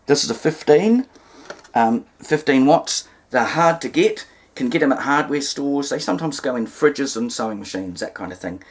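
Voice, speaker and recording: Indoors at a table, a presenter with a New Zealand accent gives an unscripted, hands-on vintage radio repair demonstration, hesitantly thinking aloud and carefully spelling things out. The voice is medium-pitched and animated, with a breathy edge, at normal speed.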